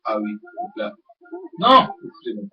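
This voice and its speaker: A man's voice: medium pitch, animated, normal speed, background noise. Rambling young man narrating gameplay. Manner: rambling, hesitant, swears at the game. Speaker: let's play host. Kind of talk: casual gameplay commentary. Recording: dull lo-fi mic with game music.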